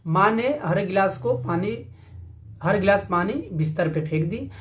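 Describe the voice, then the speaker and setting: A man giving a motivational talk, preaching in an earnest, deliberate way and telling a story. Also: high-pitched, a bit bright, a little hiss or hum. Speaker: motivational speaker.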